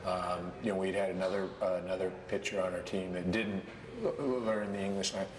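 A man recalls a former teammate in a casual interview, halting and repeating himself. His voice is very deep and his pace very slow. The room echoes, and background noise is clearly heard. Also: fairly even intonation.

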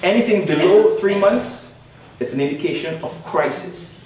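In a very echoey lecture room, a young Guyanese panel speaker's high, darkish voice moves at normal speed through an academic presentation. He's emphatic, repeats his key points, and checks in often with "all right?" The mic is far off and picks up faint noise.

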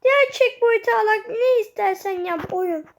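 Young gamer kid, very high voice, slow unhurried delivery, excitable self-talk over gameplay. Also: vocal fry, a little hiss or hum. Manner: excitable, talks to self while playing. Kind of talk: gameplay commentary.

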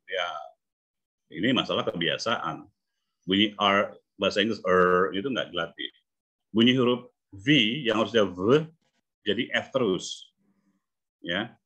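Indonesian guy teaching phonics over zoom, kinda low voice, dull lo-fi call audio. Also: a bit bright, slightly rough. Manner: repetitive, affirming with "ya", demonstrates sounds. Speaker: English coach. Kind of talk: online phonics class. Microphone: video call.

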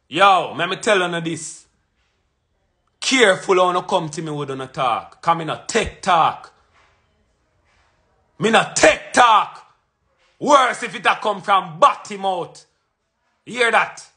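A vlogger in his thirties from Jamaica, his voice sitting high, bright and forceful, films himself on his phone at arm's length in a small room at home. With a Jamaican accent he delivers a confrontational, emphatic monologue, hammering out lists and repeating phrases.

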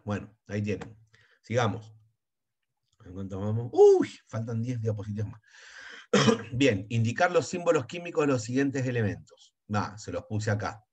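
A low-voiced Argentine man teaching chemistry over a video call. He talks in a chatty, enthusiastic way and keeps dropping into quiet asides to himself. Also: slightly rough. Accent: Argentine Spanish. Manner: chatty, enthusiastic, asides under his breath. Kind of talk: online chemistry class.

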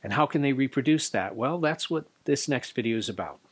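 A man's voice: mid-range voice, lively intonation, brisk, husky. An older man in his sixties, a martial arts instructor, speaking earnestly to camera in a dojo, with small restarts. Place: dojo studio indoors. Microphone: studio condenser mic beside him.

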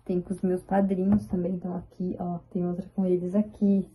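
A woman vlogger chatting excitedly as she shows her photo album, with drawn-out exclamations. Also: on the low side, a little hiss or hum. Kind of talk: casual chat showing a photo album. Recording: tinny, phone-like sound.

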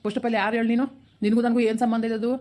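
A woman's voice: medium pitch, level tone, very fast, warm tone, natural voice. Woman doing curt young village man. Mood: cold. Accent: rural Kannada. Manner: curt, dismissive, repeats his refusal. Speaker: actor in a village skit. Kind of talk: village skit acting.

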